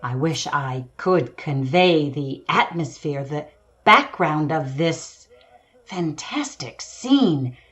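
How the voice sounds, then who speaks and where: A woman's voice: low voice, animated, slow pace, a bit bright, heavily acted. A woman playing an earnest female radio news reporter in a 1930s-style broadcast drama, describing a scene with dramatic deliberation. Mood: urgent. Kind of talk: 1930s radio newscast acting.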